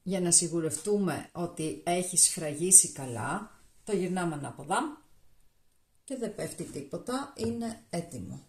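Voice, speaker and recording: A woman's voice: on the low side, expressive, a little mellow. A woman with a Greek accent chatting casually to viewers as she walks through her cooking steps in a home kitchen, recorded from a camera on the counter. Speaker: cooking vlogger. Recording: echoey kitchen.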